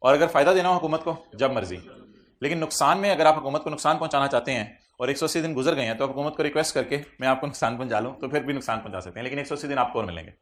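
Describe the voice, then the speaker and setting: A man's voice: medium pitch, racing. A man with a Pakistani Urdu accent giving a tax lecture to a class, teasing students, quizzing them and mixing English phrases into his Urdu.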